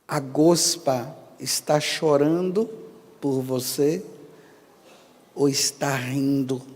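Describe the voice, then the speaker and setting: Slow-preaching priest in a long-echo hall. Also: male voice, medium pitch, fairly even intonation, a little mellow. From Brazil. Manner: humorous anecdotes, dramatic pauses, rising exclamations. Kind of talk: sermon with storytelling. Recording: long reverb of a large hall.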